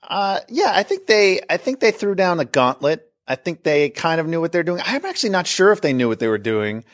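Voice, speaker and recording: A man's voice: sits high, very animated, brisk. A middle-aged man from Northern California, an actor guest chatting casually in an interview, rambling and self-deprecating with restarts.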